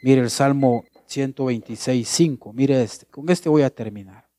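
A man's voice: medium pitch, normal speed, mellow, no room sound, studio quality. A man preaching a sermon as pastor. He asks questions and answers them himself, and he repeats words and phrases for emphasis.

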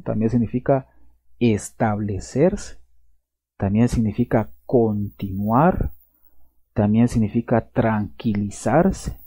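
A man's voice: medium pitch, mellow, husky, no echo. A man preaching a sermon in an earnest way, repeating himself and checking in with his listeners as he goes. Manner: earnest, repeats himself, tags lines with a questioning aside. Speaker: pastor. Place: church or teaching setting with slides.

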